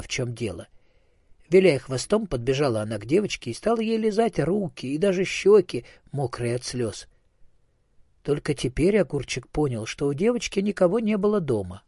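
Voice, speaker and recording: A man narrating a storybook in a calm, measured way. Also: medium pitch, breathy edge, no room sound, clean studio sound.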